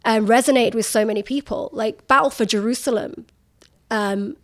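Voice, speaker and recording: Her voice is a little high and moves at normal speed. A journalist in her thirties appearing as an interview guest, she talks candidly, forthrightly and emphatically, with "like" filling much of her speech.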